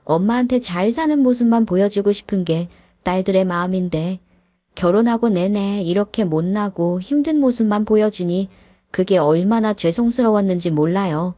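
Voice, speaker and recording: A woman's voice: mid-range voice, moderate pace, dark tone, no room sound. A woman narrating her own story in a scripted way, venting her frustration and confiding to listeners.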